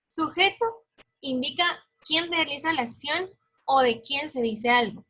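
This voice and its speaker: A woman teacher with a husky voice, explaining grammar directly to her students. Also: high-pitched, a little slow, pushed and bright. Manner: instructive, addresses the students directly. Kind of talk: class explanation.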